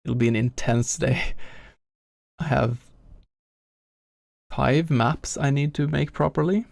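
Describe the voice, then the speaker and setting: Norwegian man, norwegian accent, gravelly, dry close mic, rambling stream chat. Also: medium pitch, slow, darkish tone, no echo. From Norway. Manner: rambling, self-deprecating, thinking aloud. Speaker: game developer streamer. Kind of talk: casual live-stream chat. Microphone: gifted home studio microphone.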